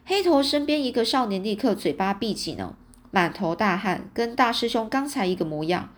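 A woman's voice: on the high side, animated, normal speed. Woman casually reading a story aloud. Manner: chatty, adds fillers like 啊 and 哦. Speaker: audiobook reader.

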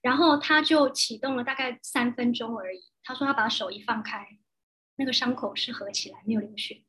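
A woman with a Taiwanese Mandarin accent, teaching a course in a casual way and telling animated stories with frequent laughter. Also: on the high side, brisk. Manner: animated, laughs often, acts out quotes. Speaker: course instructor. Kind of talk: casual teaching talk with storytelling.

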